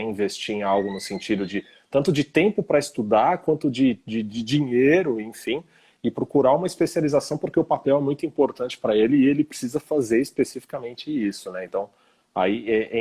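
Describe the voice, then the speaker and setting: A man's voice: medium pitch, a little mellow, breathy edge. A man who teaches singing, hosting a live stream and chatting informally with lots of slang fillers over a video call. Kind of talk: casual chat.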